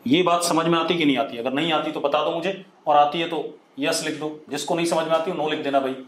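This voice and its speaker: A man with a slightly high voice talks fast while teaching physics in a live online class, blending Hindi and English and calling students "beta." He dictates phrases word by word and keeps checking that everyone is following, all in an echoey room.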